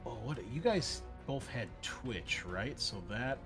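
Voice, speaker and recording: With music playing underneath, this man runs a tabletop roleplaying session as game master, narrating and refereeing off the cuff in a conversational way. His mid-range delivery is slow and lively.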